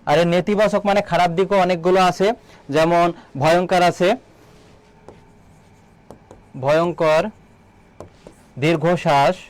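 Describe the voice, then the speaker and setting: A man teaching an online exam-prep lesson, asking students questions, answering them himself and repeating key words slowly. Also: sits high, steady tone. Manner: quizzes students, then answers his own questions. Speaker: admission exam tutor.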